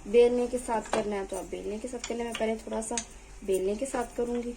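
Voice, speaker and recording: A woman's voice: on the high side, fairly even intonation, fairly quick, creaky, background noise. A young woman hosting a home cooking tutorial in her kitchen, chatting as she works and pleading with viewers to subscribe. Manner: talks while cooking, voice drops off-mic at times. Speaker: cooking channel host.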